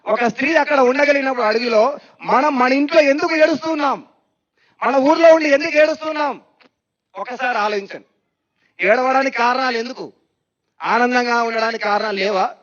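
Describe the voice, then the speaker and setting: Spiritual speaker, man, very high voice, lively, asks the crowd questions, dull lo-fi recording. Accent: Telugu. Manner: lively, questioning, repeats phrases for emphasis. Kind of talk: meditation discourse. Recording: dull lo-fi sound.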